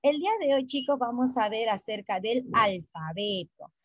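A woman teaching an online English class, patient and deliberate, repeating each point in English and then Spanish and spelling letters out one by one. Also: a little high, animated, no room sound.

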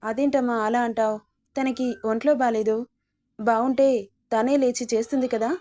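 A woman's voice: on the high side, fairly even intonation, normal speed, warm tone, lightly acted. A woman voicing a caring, playful young husband in a storybook reading.

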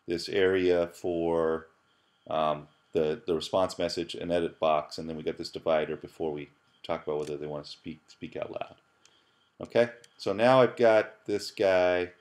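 Low-voiced man talking through a screencast. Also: a little mellow. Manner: loose and chatty, frequent restarts and repeated words. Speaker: computer science professor. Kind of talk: casual screencast tutorial. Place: at his computer, voice-over on screen capture.

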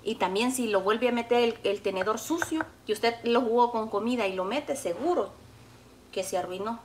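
A middle-aged cooking vlogger with a Salvadoran accent serves food while chatting casually with her live viewers, affectionately calling them sweet pet names. Her voice sits on the high side, a little mellow, at a moderate pace, in an echoey room with faint noise.

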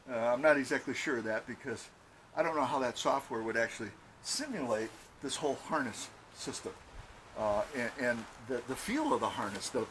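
A man's voice: mid-range voice, noisy background. An older man hosting a casual workshop vlog, talking in a rambling way with frequent fillers and restarts. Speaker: glider builder and channel host. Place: home garage workshop.

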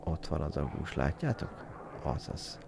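A man giving joking let's-play commentary as a game streamer, excitably yelling at his character. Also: very deep voice, creaky, noisy background.

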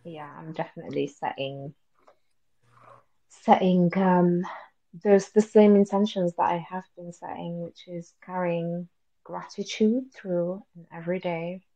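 A young woman from South Sudan co-hosting a podcast from the UK, speaking in a thoughtful, unhurried, soft-spoken way. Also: on the low side, creaky, highs cut off. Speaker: podcast co-host. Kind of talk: casual podcast chat. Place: home in the UK, remote call.

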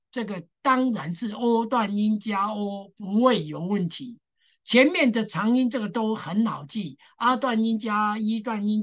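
A woman teacher speaks slowly and patiently to her class, with a voice of middle pitch. She drills the sounds over and over and leans on the exceptions so that students take note. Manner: addresses class directly, stresses exceptions. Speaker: Japanese language teacher. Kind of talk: classroom lesson.

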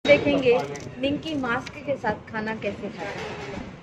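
A woman's voice: fairly high pitch, a little slow, loud music behind the voice. A woman in her thirties, a travel vlogger, chatting directly to her viewers in a casual, playful way as she films herself on a phone held at arm's length. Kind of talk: casual travel vlog narration. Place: in a car, at a roadside restaurant and outdoors. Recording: loud crowd and traffic noise.

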